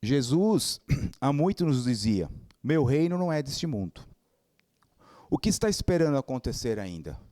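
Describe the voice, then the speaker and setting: A man's voice: mid-range voice, moderate pace, long pauses, no echo, studio quality. A middle-aged Brazilian man giving a spiritist lecture, telling stories and asking rhetorical questions. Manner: animated storytelling with rhetorical questions.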